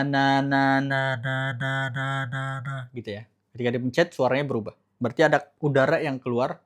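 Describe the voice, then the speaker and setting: A man teaching Quran pronunciation in a recorded lesson, with a fairly high-pitched voice. He explains in a relaxed, everyday way and stops to drill each sound slowly, again and again. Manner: demonstrates sounds by slow repeated drilling; casual explaining with fillers.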